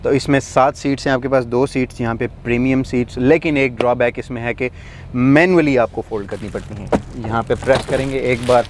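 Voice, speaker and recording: A man talks through a car review in a relaxed, unscripted way, showing each feature as he goes and filling his pauses with hesitations. His pitch is middling for a man. The recording is made inside a vehicle, with a faint hum of traffic behind him. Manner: explains by demonstrating, many fillers. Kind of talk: casual walkaround review. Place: inside a large SUV.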